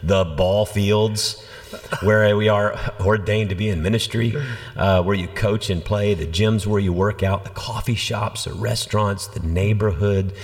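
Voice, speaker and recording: A man, a pastor, talking through faith in a relaxed conversational way, a lively storyteller. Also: fairly low pitch, measured pace, big-room sound. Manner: animated storyteller, acts out quoted voices. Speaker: senior pastor. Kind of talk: conversational church podcast teaching.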